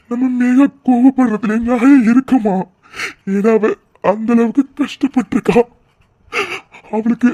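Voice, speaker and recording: A man's voice: very high-pitched, dark tone, no echo. A man voicing a cartoon friend who begs forgiveness and a grieving father, in a pleading, apologetic manner. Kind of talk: cartoon voice acting.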